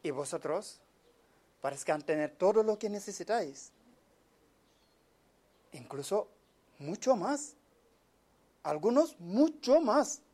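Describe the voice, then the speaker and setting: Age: adult. Sex: man. Origin: Senegal. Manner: earnest, measured, often quiet. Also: sits high, very animated. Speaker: speaker telling of his migrant life. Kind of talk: reflective spoken monologue.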